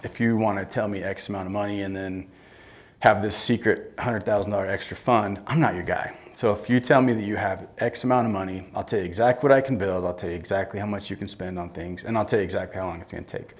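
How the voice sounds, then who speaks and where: A middle-aged construction company owner appears as a guest in an on-stage interview in an event room with an audience. He talks quickly in a fairly low voice, plain and blunt, often breaking off and restarting sentences.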